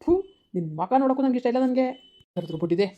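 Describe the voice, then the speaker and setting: A woman voicing an angry village father who shouts and curses at his daughter in a harsh, bitter way. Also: a little high, expressive, racing, lightly acted. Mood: raging. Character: furious village father, harsh and cursing, man. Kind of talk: village family drama acting. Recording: dull lo-fi recording.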